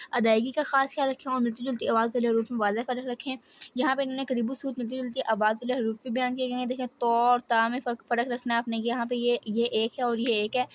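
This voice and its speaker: A woman with a Pakistani Urdu accent teaching a Quran reading lesson, who explains in quick bursts and then drills syllables slowly with repetition. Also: on the high side, slight background noise. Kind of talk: step-by-step spelling and recitation lesson.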